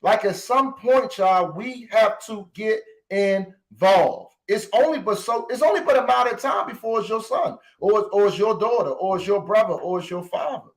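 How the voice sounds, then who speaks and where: Impassioned male podcast host, slightly high voice. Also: moderate pace, few pauses. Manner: emotional, preaching to listeners, repeats phrases. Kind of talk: impassioned commentary.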